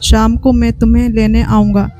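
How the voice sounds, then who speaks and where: A woman voicing an affectionate young husband in a storybook, speaking softly and reassuringly in an even, mellow tone, with faint music behind. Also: very high voice, normal speed. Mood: tender.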